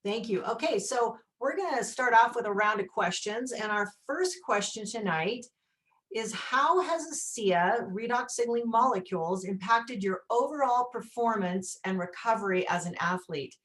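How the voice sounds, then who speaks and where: A woman's voice: on the high side, moderate pace, a bit bright. A woman moderating a video panel of athletes, guiding the questions in an upbeat way. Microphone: video call.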